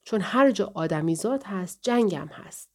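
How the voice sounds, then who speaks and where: A woman voicing a drunken, brutal male soldier who slurs and drawls, turning hushed and whispery at times. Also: medium pitch, animated. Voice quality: slurred drawling speech. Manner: menacing, sometimes hushed and whispery.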